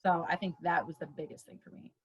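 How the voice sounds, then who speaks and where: A woman's voice: lowish voice, fairly even intonation, quick pace, slightly rough, muffled recording. Woman, twenties, from Michigan, casual chat, chatty, filler-heavy. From Michigan, US Midwest. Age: 20s.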